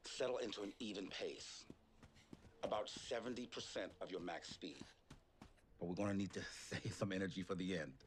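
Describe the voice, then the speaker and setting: A man speaking as a father, calmly coaching his daughter through a race. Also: sits low, moderate pace, a little hiss or hum. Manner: calm, encouraging. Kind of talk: scripted motivational voice-over.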